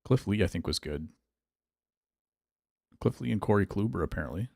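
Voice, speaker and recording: A man's voice: low voice, lively intonation, moderate pace, gravelly, a little mellow, dry recording, clean studio sound. A male streamer chatting casually while he plays, thinking aloud about his picks and answering his chat. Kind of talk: casual gameplay livestream chat.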